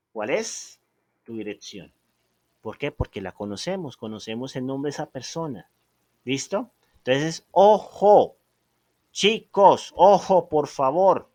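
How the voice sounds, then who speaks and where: Emphatic slow-talking male teacher. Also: a little high, dry recording, studio quality. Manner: animated, emphatic, slows down and stresses English example phrases. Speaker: English teacher. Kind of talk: video lesson.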